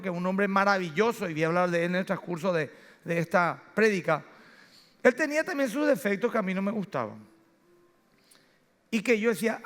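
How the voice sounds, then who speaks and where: A man's voice: high voice, fairly bright tone. A middle-aged man preaching a sermon as a pastor, telling anecdotes and acting out family dialogues. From Paraguay. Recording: reverberant church hall.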